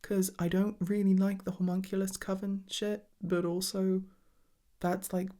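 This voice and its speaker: With a medium-pitched, mellow voice, flat delivery and a measured pace, she chats casually for her hobby ASMR content. The talk is enthusiastic and sweary yet halting and meandering.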